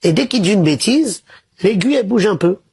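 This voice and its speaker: A man telling a string of jokes in a casual stand-up style, acting out the characters with stutters and shouts. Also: sits high, lively intonation, a little fast, husky, no room sound. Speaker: comedian.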